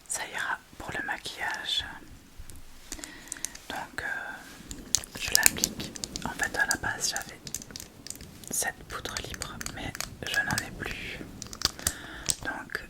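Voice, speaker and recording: In this low-quality recording, a woman who creates ASMR videos whispers gently and breathily near the mic. She explains a casual tutorial step by step, never hurrying.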